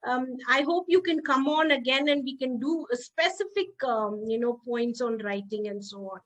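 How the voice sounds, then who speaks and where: A woman with an Indian English accent hosting a podcast interview. She gives warm thanks and repeats words as she restarts. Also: high voice, normal speed, rough recording. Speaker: podcast host. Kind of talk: casual interview wrap-up.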